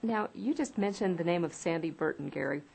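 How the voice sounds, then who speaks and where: A woman's voice: lowish voice, brisk, gravelly, a little mellow, a little hiss or hum. A woman interviewing guests, asking her questions in a wry, teasing way. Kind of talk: oral history interview.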